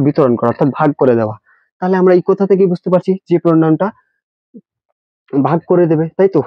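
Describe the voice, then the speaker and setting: A man's voice: a little high, no echo. Guy teaching grammar, spells stuff out letter by letter, dry dull lo-fi sound. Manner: spells words letter by letter, asks rhetorical questions. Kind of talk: classroom-style grammar lesson.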